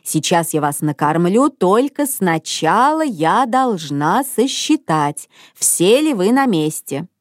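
A woman's voice: fairly low pitch, very animated, slow pace, hardly any pauses, dry recording, clean studio sound. A woman voicing a strict mother who gives firm orders to her children in a storybook reading. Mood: stern. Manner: strict, commanding. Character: stern mother of many hungry children.

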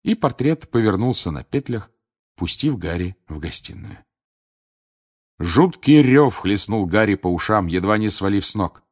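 A man narrating an audiobook, expressive, with dramatic pauses. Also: lowish voice. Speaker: audiobook reader.

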